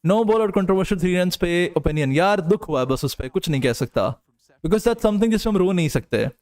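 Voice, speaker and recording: A man's voice: sits high, animated, normal speed, a little mellow. A young man, casually chatting with his stream audience as a tired, joking streamer and caster. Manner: joking, banters with chat, lapses into crude banter. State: tired from no sleep. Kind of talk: casual chat reading live comments.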